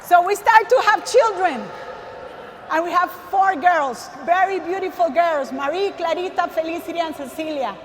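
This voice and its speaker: On a large arena stage, a Costa Rican woman with a Costa Rican Spanish accent gives an emphatic faith testimony, calling out to a large crowd. Her voice is extremely high-pitched and moderately paced. There is background noise, long hall reverb and faint ambience.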